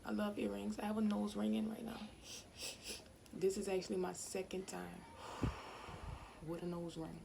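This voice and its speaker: A woman's voice: mid-range voice, little pitch movement, normal speed, creaky, pauses often, noisy background. A woman, chatting casually and rambling to camera in a home vlog. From Louisiana, USA. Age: 20s. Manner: rambling, chatty, self-focused asides. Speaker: vlogger. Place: home, indoors.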